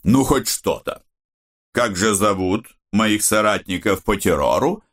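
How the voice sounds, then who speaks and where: A man's voice: fairly low pitch, lively intonation, a little slow. A man voicing an ironic young man who jokes with nervous bravado in a wry, bantering way. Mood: joking.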